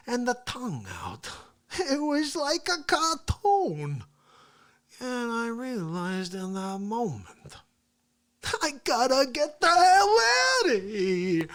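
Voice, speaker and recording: A performer playing a brash, boastful male talk-show host who rambles through a comedy rant, swinging between loud yelling and hushed asides. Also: mid-range voice. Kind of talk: comedic character monologue.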